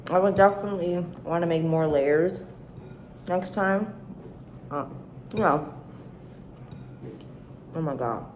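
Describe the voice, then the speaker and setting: A woman in her thirties, a cooking vlogger, chats casually while cooking in her home kitchen, swearing freely and speaking candidly. Her voice is low and a little mellow, captured on a rough, reverberant recording with slight background noise.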